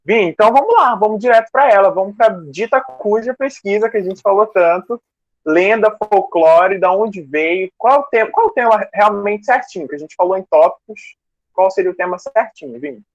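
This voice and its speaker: Male live-stream host, higher voice, upbeat, dry and lo-fi sound. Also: moderate pace, no echo. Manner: upbeat, speaks to the chat audience. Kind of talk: casual live-stream interview.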